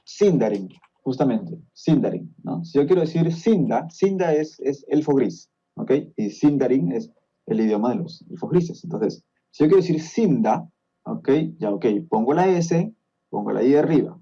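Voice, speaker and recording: Peruvian man, podcast guest, patient explainer; very dark, mellow tone, muffled lo-fi audio. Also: medium pitch, animated, normal speed, slightly rough. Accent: Peruvian Spanish. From Peru. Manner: patient, explaining step by step with frequent checks like "¿no?". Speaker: guest expert on Tolkien's languages.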